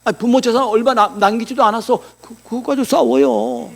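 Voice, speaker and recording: Male pastor, high-pitched, sermon delivery with sudden loud-to-quiet swings, keeps asking the congregation questions. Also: steady tone, a little fast, vocal fry. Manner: emphatic, rhetorical questions to the congregation; swings between loud declarations and quiet asides. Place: church.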